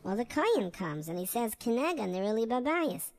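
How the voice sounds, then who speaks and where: A woman's voice: on the high side, big pitch swings, a little fast, a little hiss or hum. A woman voicing a curious young student who answers hesitantly. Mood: inquisitive. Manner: inquisitive, hesitant with repeated starts.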